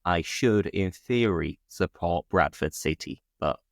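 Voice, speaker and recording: A man's voice: sits low, unhurried, gravelly, dry recording, clean studio sound. A man from West Yorkshire, hosting a casual, conversational interview. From West Yorkshire, England. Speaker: host, interviewer.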